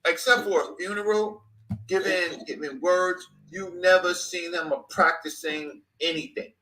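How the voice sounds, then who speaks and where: Emphatic bright-voiced man in his fifties. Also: high-pitched, measured pace, slight background noise, poor audio. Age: 50s. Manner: emphatic, repeats phrases for stress. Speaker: guest speaker. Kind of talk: passionate conversation.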